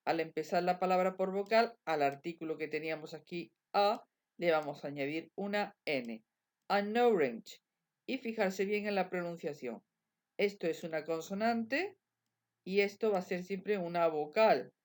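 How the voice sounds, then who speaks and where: A woman, teaching English grammar in a slow, repetitive bilingual lesson. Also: fairly low pitch. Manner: slow, repetitive drilling of examples.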